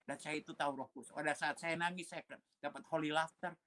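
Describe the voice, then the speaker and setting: A man's voice: on the high side, steady tone, quick pace, a bit bright, a little hiss or hum. A man who is a pastor, giving an emotional personal testimony, telling his story animatedly, acting out the voices of others, and dropping in English phrases.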